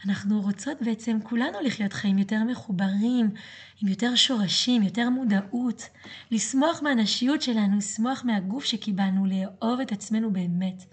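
A woman from France with a French accent and a slightly hoarse voice, speaking earnestly in a reflective, intimate podcast monologue as the host. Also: fairly high pitch.

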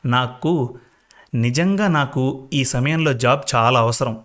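A man's voice: medium pitch, slow, a bit bright. A man voicing an anxious young woman waiting for a job interview, speaking nervously and pleadingly.

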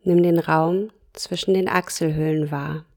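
A woman talks listeners through yoga nidra meditation, very slowly and in short phrases broken by lengthy pauses. Her voice sits fairly low and stays soft and calm.

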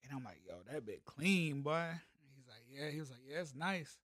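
A man's voice: fairly high pitch, animated, moderate pace, a bit bright, no echo. Laid-back slangy man telling a story. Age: 30s. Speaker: podcast host. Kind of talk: casual motivational storytelling.

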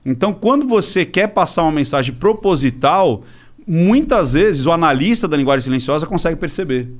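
Explanatory male guest, slightly high voice. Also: animated, fairly quick. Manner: explains through examples, checking for understanding. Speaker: interview guest, body language specialist. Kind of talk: informal explanatory conversation.

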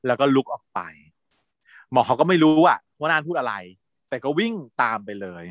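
A man's voice: mid-range voice, lively intonation, a little fast, a bit bright, no room sound. A man in casual chat who animatedly retells a TV series, laughing often and acting out quotes.

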